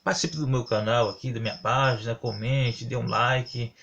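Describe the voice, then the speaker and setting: Male teacher, casual and halting explainer, mid-pitched, faint crickets behind. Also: fairly even intonation, creaky, a bit bright, muffled recording, a little hiss or hum. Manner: halting, many fillers and self-corrections, explains with examples. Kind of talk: casual spoken grammar lesson.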